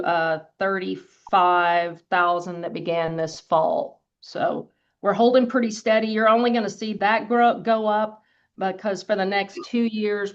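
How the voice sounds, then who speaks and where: A woman in her sixties with a West Texas twang, a university official speaking informally as she answers questions at a hearing. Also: medium pitch. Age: 60s. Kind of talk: informal spoken testimony. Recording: dull, lo-fi meeting audio.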